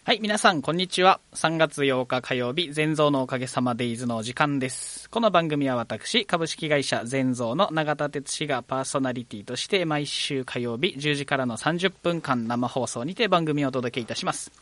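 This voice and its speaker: A man's voice: mid-range voice, a little fast, few pauses, a bit bright, dry recording. A man hosting a live local radio talk show, polite and chatty with frequent fillers. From Kagoshima, Japan.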